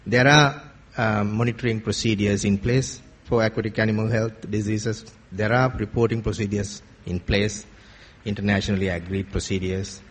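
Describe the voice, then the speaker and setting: A man moderating a conference panel, introducing a speaker in a polite, halting way. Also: lowish voice, little pitch movement, husky.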